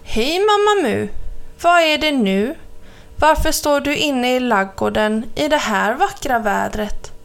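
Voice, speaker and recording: A woman voicing a cheeky, selfish male crow in a children's story, speaking brashly and a little loudly. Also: high-pitched, lively intonation, gravelly.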